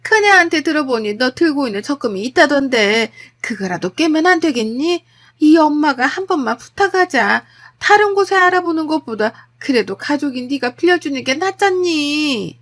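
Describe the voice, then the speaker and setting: A woman playing a shrill, scolding older mother-in-law. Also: expressive, moderate pace, a bit bright. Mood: pleading. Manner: pleading, then screaming and scolding. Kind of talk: storytelling with acted dialogue.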